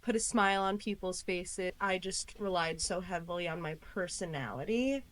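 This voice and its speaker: Chatty young woman, lower voice. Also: moderate pace. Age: 20s. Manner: chatty, many fillers, quoting herself. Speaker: podcast guest. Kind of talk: casual interview chat.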